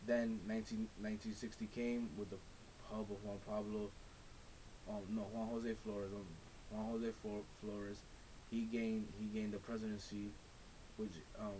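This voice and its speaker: A young man from Ecuador giving a halting class presentation, with frequent restarts and fillers. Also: dark tone, poor audio. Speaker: student presenter. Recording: hissy low-fi camera recording.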